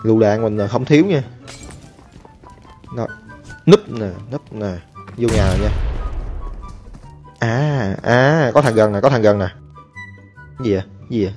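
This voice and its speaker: A man giving excitable, chatty commentary over his own gameplay, talking to viewers and taunting enemies. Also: on the low side, normal speed, long pauses. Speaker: gaming streamer. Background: game music and gunfire.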